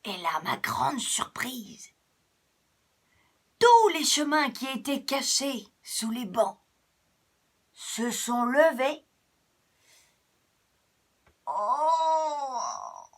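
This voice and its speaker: A woman telling a children's story in a soft, intimate way, often dropping into a whisper. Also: high voice, very animated, slow pace, pauses often.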